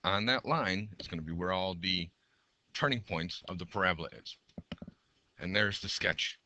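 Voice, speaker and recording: Low bright-voiced male math teacher. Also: normal speed, a little hiss or hum. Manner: talks through each step while drawing, counts aloud. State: losing his voice. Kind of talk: recorded math lesson, sketching graphs.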